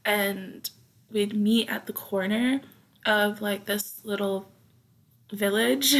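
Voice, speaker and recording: A young woman hosting a podcast, rambling casually with many fillers, her throat dry as she talks quietly. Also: mid-range voice, fairly even intonation, slow. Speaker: podcast host.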